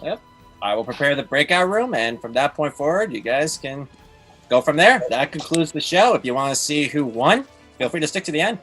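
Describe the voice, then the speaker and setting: A man's voice: fairly high pitch, sing-song, a little fast, a bit bright, husky, soft background music. Casual man hosting over a video call. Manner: casual, hesitant announcing with fillers. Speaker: host. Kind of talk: hosting an online competition.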